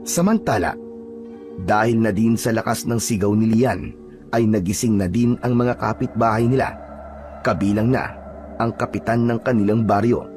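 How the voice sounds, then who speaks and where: Casting: low-pitched man reading a horror tale, measured and dramatic, soft music under him. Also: steady tone. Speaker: narrator. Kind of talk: scripted horror story narration.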